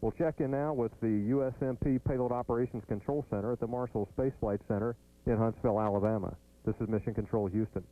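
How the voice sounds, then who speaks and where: An American man delivering formal, measured mission control commentary from a script. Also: mid-range voice, fairly even intonation. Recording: thin phone-like broadcast line.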